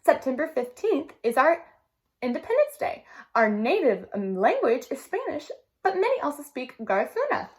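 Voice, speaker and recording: A woman voicing a high young schoolgirl. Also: big pitch swings, normal speed. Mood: nervous proud. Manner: upset, pleading. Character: shy young Honduran-American schoolgirl.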